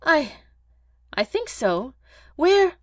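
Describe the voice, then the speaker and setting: A woman's voice: sits high, sing-song, extremely slow, fairly bright tone, no echo, clean studio sound, pitched above the performer's own voice, exaggerated voice. A woman voicing an earnest young female heroine with a pleading, urgent way of speaking. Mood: shaken.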